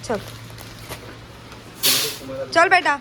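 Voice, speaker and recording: As she shops through a crowded market and a shop, a young mother vlogs on her phone and draws out her words while coaxing and scolding her small child. Music plays in the background along with the market noise.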